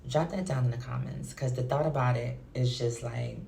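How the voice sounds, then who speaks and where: Deep-voiced woman telling a casual story. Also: moderate pace, gravelly, dark tone. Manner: chatty, confiding, addresses viewers directly. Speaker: storytime vlogger. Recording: echoey room with faint noise.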